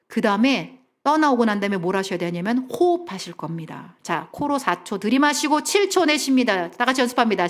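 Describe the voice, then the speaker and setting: A middle-aged woman counselor giving a lively seminar talk in a church. She has the audience repeat phrases after her and drops to a soft whisper for emphasis. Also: fairly high pitch. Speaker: family counselor, guest speaker.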